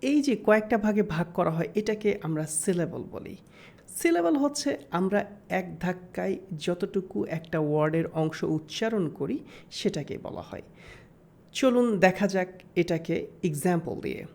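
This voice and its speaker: Woman, grammar teacher, recorded lesson, step-by-step explaining, slows to sound out words. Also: fairly low pitch, expressive, gravelly, mellow. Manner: explains step by step, mixing in English terms.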